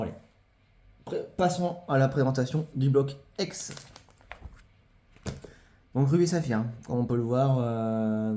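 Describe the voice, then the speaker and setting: In a casual show-and-tell vlog, a man with a mid-range, dark voice presents his trading card collection. He speaks hesitantly, using lots of fillers and repeating phrases.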